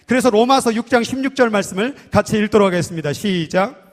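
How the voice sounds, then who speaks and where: A man's voice: high-pitched, animated, fast. A man in his thirties preaching a sermon as pastor, talking conversationally and teasing the congregation with questions. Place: church sanctuary. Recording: long church hall reverb.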